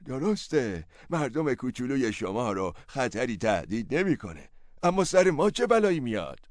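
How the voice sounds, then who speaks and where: A man voicing a frightened grown man who shouts urgently in a story reading. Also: medium pitch, sing-song, no room sound, clean studio sound, natural voice. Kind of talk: audio drama storytelling.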